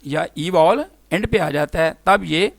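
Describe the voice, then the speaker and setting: A man teaching an English phonics lesson to students, spelling words out letter by letter and then pronouncing them slowly and formally. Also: fairly high pitch, gravelly, no room sound. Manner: formal, addresses students directly.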